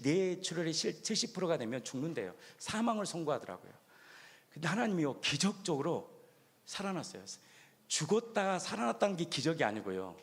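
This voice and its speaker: Preaching man with big echoing swings. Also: medium pitch. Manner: preaching with dramatic swings between shouting and hushed speech. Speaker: pastor. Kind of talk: sermon. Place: church hall at an outdoor youth rally.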